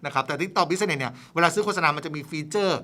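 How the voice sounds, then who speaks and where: A man's voice: fairly high pitch, fast. A man talking as a guest expert on a radio talk show, explaining casually and dotting his sentences with polite fillers. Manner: lively explaining, many "na khrap" fillers.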